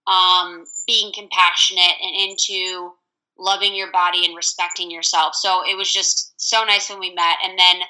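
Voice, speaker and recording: A woman's voice: lowish voice, little pitch movement, moderate pace, pushed and bright, rough recording. A woman around thirty, a podcast guest, chatting casually with many fillers. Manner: rambling, filler-heavy. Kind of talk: casual interview chat.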